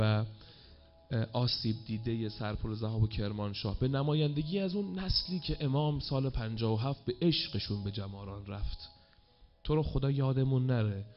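A man leads a ceremony from the front, speaking with feeling and calling on the crowd to respond. His voice sits at a middle pitch. The recording is muffled and lo-fi. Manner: emotive, exhorting, calls for chants. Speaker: event host. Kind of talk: ceremony hosting speech to a crowd.

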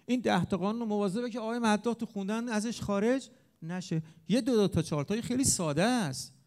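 A man giving an impassioned lecture to an audience, with sharp rises and drops in loudness. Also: high-pitched. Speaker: speaker on religious eulogy singing.

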